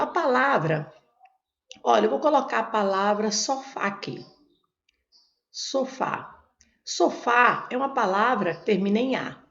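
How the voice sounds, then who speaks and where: A woman's voice: a little high, gravelly, roomy sound. A woman teaching Portuguese grammar for an exam, explaining step by step, with a Brazilian Portuguese accent, who asks questions and then answers them herself. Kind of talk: exam prep lesson, explaining on a board. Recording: dull lo-fi recording.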